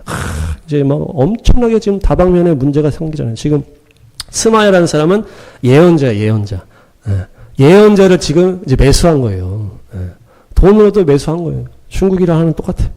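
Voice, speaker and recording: A male pastor preaching at a rapid clip in a slightly raised register, with a mellow, dark tone. He tells the story with emphatic punches and plays out the dialogue, chuckling at times. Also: a little high. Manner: animated, emphatic storytelling with sound-word punches; acts out quoted dialogue, chuckling. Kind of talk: sermon.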